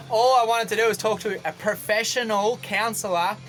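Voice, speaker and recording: Australian guy vlogging from a boat, rambling and combative rant, middling pitch, faint music playing behind him. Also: fairly even intonation, moderate pace, fairly bright tone. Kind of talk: ranting monologue to camera. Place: on a boat outdoors.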